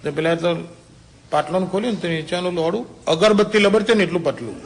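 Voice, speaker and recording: Male comic with a slightly high voice, chatty and crude, laughs at his own punchlines. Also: fast. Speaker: stand-up joke teller. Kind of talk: bawdy joke telling to a small audience.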